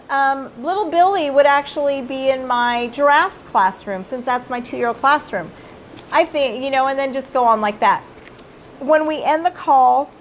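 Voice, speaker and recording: A middle-aged woman who runs a child care center gives casual advice on a livestream, hoarse because she is losing her voice. Her voice leans high, with slight background noise. Chatty, she keeps checking in with viewers as "you guys" and often tags on "right?"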